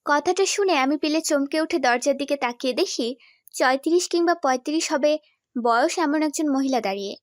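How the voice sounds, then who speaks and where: A young woman narrates a story in the first person with expressive storytelling. Her voice is high and comes across dry and close to the mic. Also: normal speed, dry recording.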